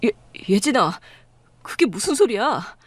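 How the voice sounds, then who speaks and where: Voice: mid-range voice, big pitch swings, unhurried, slightly rough, dry recording. A woman voicing a flustered pleading young husband.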